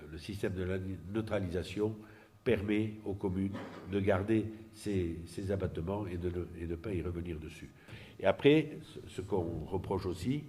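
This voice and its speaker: His voice is low-pitched and warm. Without a script, he explains political matters in a halting way, circling back on repeated words until the next one comes to him.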